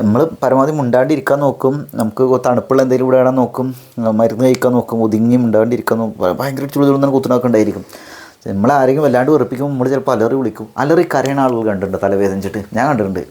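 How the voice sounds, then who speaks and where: A man giving excited, animated commentary to his channel viewers in a casual monologue. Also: mid-range voice. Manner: excited, animated, talks fast. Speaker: YouTube commentator.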